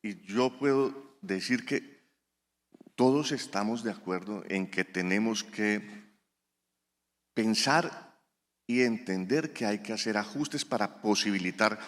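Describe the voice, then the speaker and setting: Low-pitched male executive on a panel, hesitant and repetitive in delivery. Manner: halting, many restarts, rhetorical repetition. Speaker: panelist, health insurer executive. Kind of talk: panel discussion answer. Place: conference hall.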